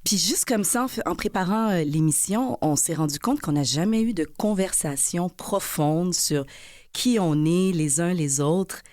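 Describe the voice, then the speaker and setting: A woman's voice: fairly low pitch, unhurried, no echo, studio quality. A woman hosting a podcast interview, chatty and friendly, with restarts as she talks. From not born in Quebec. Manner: warm, chatty, with laughs and restarts. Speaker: podcast host. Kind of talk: conversational interview.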